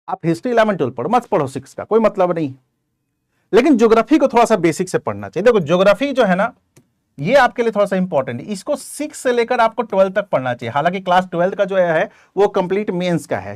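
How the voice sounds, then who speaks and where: A man's voice: sits high, dry recording, clean studio sound. A man teaching as an exam coaching teacher, giving direct, conversational advice to his students in an informal lecture.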